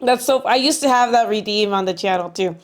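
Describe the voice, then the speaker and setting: A woman's voice: mid-range voice, a little fast. A woman livestreamer chatting casually with her viewers in a cute, bubbly anime-streamer way, often repeating herself.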